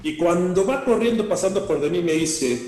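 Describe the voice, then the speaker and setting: A man with a Mexican accent telling a lively, jokey anecdote from an earlier episode. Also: high voice, fairly quick, soft background music. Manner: animated, jokey storyteller. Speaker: former footballer, archived guest. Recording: clip replayed, roomy echo.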